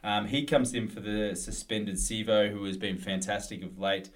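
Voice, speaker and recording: A man's voice: lowish voice, fairly even intonation, moderate pace. A male podcast co-host in casual sports chat, rambling through team news with plenty of fillers.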